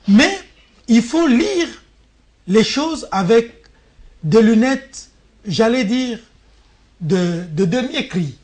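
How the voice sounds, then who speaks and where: A man weighs his words carefully as a panel journalist. His commentary is formal and deliberate, with small stammers as he starts each point. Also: very high-pitched, lively intonation, a little mellow. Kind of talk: measured political commentary.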